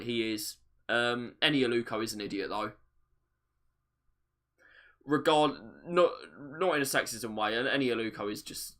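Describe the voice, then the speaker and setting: A man with a bright, forceful voice at a middle pitch hosts a football watch-along. He talks through the match in an informal live commentary, as an excitable fan who will yell at the screen for goals.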